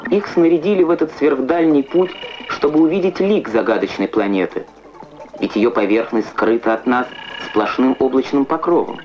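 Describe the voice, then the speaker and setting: A man reading scripted educational science newsreel narration in a measured, declamatory way with precise diction. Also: mid-range voice, noisy background. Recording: muffled vintage Soviet film soundtrack.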